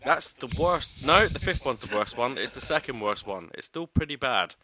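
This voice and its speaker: A man contributing to a film podcast, chatting casually with a sweary, animated and opinionated manner. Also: medium pitch, moderate pace, a crowd in the background.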